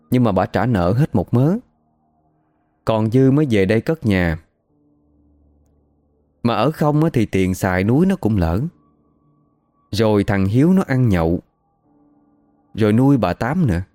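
Low, dark-voiced storyteller. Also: male voice, dry recording. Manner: chatty, matter-of-fact retelling. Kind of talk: casual spoken storytelling.

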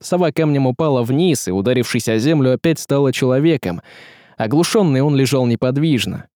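A man reading an audiobook with lively, dramatic storytelling. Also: mid-range voice, fairly quick, dry recording, studio quality. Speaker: audiobook narrator. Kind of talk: scripted audiobook narration.

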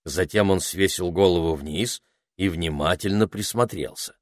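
Low-voiced male audiobook narrator. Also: normal speed, no echo, clean studio sound.

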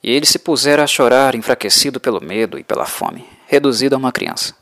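A man reading an audiobook in an even, measured way. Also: medium pitch, dry recording, clean studio sound. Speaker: audiobook narrator. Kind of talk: scripted narration.

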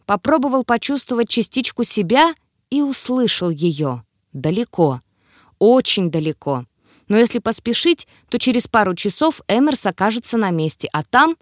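A woman reading an audiobook in a steady, expressive way. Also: mid-range voice, dry recording, clean studio sound. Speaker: audiobook narrator. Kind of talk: scripted narration.

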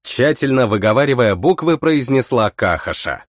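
A man narrates a fantasy audiobook in the first person. His pitch swings widely as he tells it, and the recording is close and dry. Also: moderate pace, no room sound. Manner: expressive, voices every character himself.

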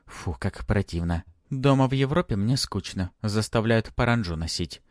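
A man voicing a capricious young woman who loudly demands to be married. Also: expressive, normal speed, dry recording, clean studio sound, lightly acted. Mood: demanding. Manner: shrill, demanding.

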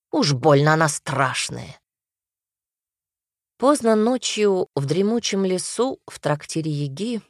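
A woman reading a fairy tale aloud with steady, expressive narration. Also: fairly low pitch, dry recording, studio quality. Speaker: storyteller.

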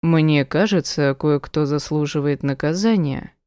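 A tender, teasing male werewolf played by a woman reading an audiobook murmurs softly and unhurriedly. The voice sits low and mellow, and it is recorded dry and close with no room sound. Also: clean tone, no room sound. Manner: soft, slow and hushed. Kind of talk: audiobook character voice.

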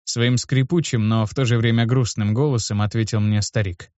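A man narrating a first-person fantasy story in a measured, matter-of-fact way, in a dull, dry lo-fi recording. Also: mid-range voice, steady tone, a little mellow, no room sound. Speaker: audiobook narrator.

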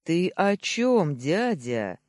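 A reader acting out a furious young man in an audiobook, growling and hissing his words, slow and heavy, with a lively pitch, recorded close and dry. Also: no room sound, close to an everyday voice. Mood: enraged.

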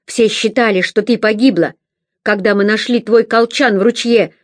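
A woman's voice: mid-range voice, fairly even intonation, normal speed, no room sound, studio quality, voice pushed up, close to an everyday voice. A woman doing a bitter, snarling young man. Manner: harsh, barking, contemptuous. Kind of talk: audiobook character voice.

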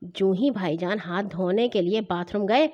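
A woman narrating a children's story with a lively, expressive reading. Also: medium pitch. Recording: dull lo-fi recording.

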